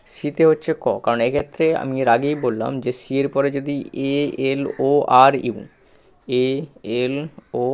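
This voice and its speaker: Man, spelling teacher, smooth clear voice, patient and repetitive. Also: mid-range voice, darkish tone. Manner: breaks words into letters, repeats, checks understanding. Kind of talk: slow spelling lesson.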